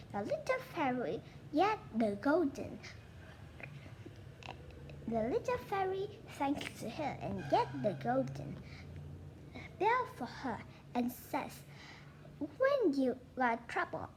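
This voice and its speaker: A woman retelling a fairy tale in halting, simple phrasing, often restarting her sentences. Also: high-pitched, a little hiss or hum. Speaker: storyteller.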